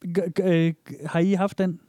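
A man's voice: high voice, steady tone, dark tone, clear, resonant tone, no echo, clean studio sound. A man co-hosting a podcast, chatting casually and somewhat hesitantly. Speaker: podcast co-host. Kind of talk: casual chat.

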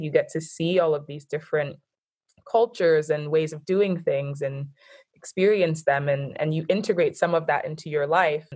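Woman, american accent, low voice, reflective casual talk. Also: darkish tone. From born in Japan, Nigerian, raised in the US. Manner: thoughtful, reflective, frequent fillers. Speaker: guest. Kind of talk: casual conversation.

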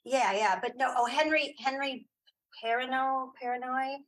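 A middle-aged woman, a writer and director, chats casually as an interview guest, telling animated, emphatic anecdotes and searching aloud for names. She has a high voice and a moderate pace, and the recording is rough.

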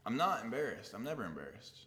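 A man's voice: mid-range voice, big pitch swings, fast, sharp tone, a little hiss or hum. A young man co-hosting a casual chat, rambling and self-deprecating, swearing freely. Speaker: podcast co-host.

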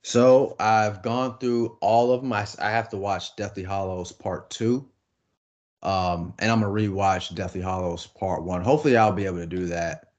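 Deep-voiced male co-host, hesitant and easygoing in conversation. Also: fairly even intonation, moderate pace, a little mellow, dull audio. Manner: hesitant, many fillers and restarts. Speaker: podcast co-host. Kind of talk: casual chat.

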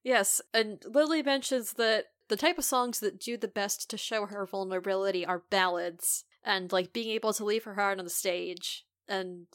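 Bright, animated woman chatting on a podcast. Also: mid-range voice, moderate pace, few pauses. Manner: animated, giggly, acts out quotes. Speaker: podcast co-host. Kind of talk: casual chat, TV episode recap.

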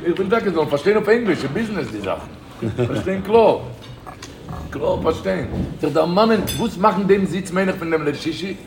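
A man speaks as a rabbi addressing a gathering, slightly high-pitched, emphatic and repetitive, pushing his main points up in strong bursts. The room rings with echo, and loud background noise runs underneath. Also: expressive, fairly quick. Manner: emphatic, repeats key phrases, rises to bursts of emphasis. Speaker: rabbi giving a talk. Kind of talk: informal spoken talk to a group.

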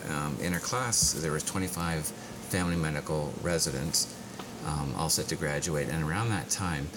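A man in his sixties from Belgium, raised in Canada, speaking as a guest doctor in a casual interview, with many fillers and restarts. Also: extremely low pitch. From Belgium, raised in Ontario, Canada. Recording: noisy background.

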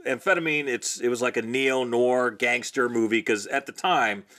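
A man's voice: mid-range voice, moderate pace, sharp tone. A man co-hosting a podcast on indie filmmaking, telling stories from his early shoots in a blunt, ranting, casual way.

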